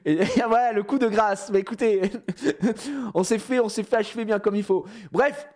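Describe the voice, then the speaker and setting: A man streaming a casual storytime, retelling events in an animated way with slang and frequent laughter. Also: high voice, normal speed.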